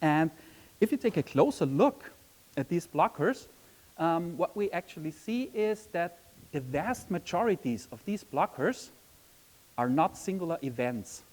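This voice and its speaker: In a conference session room, an Austrian man presents in a conversational way, peppering his talk with "um" and the tag question "right?". His slightly high voice is expressive and unhurried with a darkish tone, and the recording is rough.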